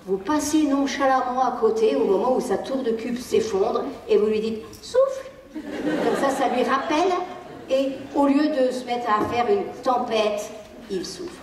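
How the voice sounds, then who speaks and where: A woman with a French accent giving a live conference talk to an audience, lively and playful, acting out the lines she quotes. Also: fairly high pitch, a little hiss or hum. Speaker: speaker giving a public lecture on child emotions. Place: lecture hall with audience. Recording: echoey hall, distant mic.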